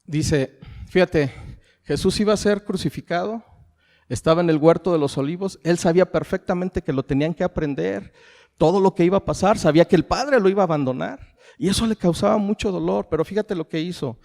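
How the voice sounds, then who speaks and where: A middle-aged Mexican pastor preaches from the pulpit, his voice set a little high for a man yet dark and mellow in tone. He works through rhetorical questions and answers them himself. The sound rings with the long reverb of a large hall. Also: brisk, creaky. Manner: preaching with rhetorical questions, calls the congregation "familia". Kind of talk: sermon.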